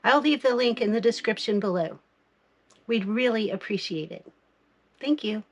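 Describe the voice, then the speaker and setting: A woman co-hosting a casual chat about RV life, upbeat and quick to laugh. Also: on the high side, expressive, no echo. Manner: chatty and upbeat, laughs often. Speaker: co-host of an RV living channel.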